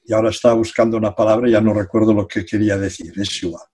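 Over a noisy background, an older man from Catalonia talks very fast in Spanish with a Catalan accent, his lowish voice showing little pitch movement. A psychology professor appearing as a guest in a casual interview, he speaks via webcam from his home study, hesitating, repeating words and laughing between phrases.

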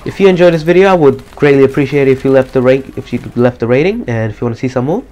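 A man giving casual live gameplay commentary, slightly depressed and monotone, swearing casually. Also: medium pitch, racing. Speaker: gaming commentator.

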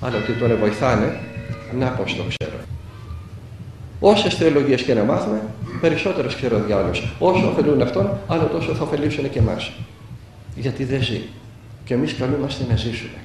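A man's voice: medium pitch, lively intonation, pauses often, a little mellow, slight background noise. A man preaching as a monk elder, telling stories and acting out the dialogue with a rising and falling voice. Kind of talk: sermon with storytelling. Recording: echoey room heard from a distance.

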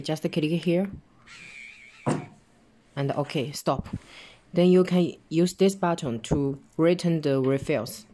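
A man giving a hands-on tutorial, explaining each step in halting, simple phrasing as he demonstrates a device. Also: fairly high pitch, dark tone, a little hiss or hum. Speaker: product demonstrator.

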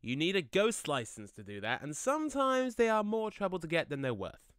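A man with a high, sing-song voice speaks briskly in a fairly bright, clear and resonant tone, recorded cleanly in a studio with no echo. He's acting in an audio play as a jokey, laid-back young ghost, a slacker who talks in a casual, slangy, rambling way. The mood is chatty and a little wistful.

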